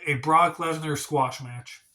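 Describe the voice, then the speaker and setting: A wrestling channel host, male, with a slightly high, steady voice, talks slowly in a sharp tone. He's congested and stuffy from a cold as he rambles and hedges through a casual wrestling review vlog.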